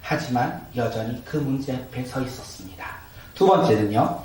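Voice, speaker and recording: A man's voice: medium pitch, animated, normal speed, a loud crowd. A man preaching as pastor, asking the congregation rhetorical questions and leading them in reading aloud. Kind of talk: sermon. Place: church sanctuary. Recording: roomy echoey sanctuary, mic at a distance, faint noise.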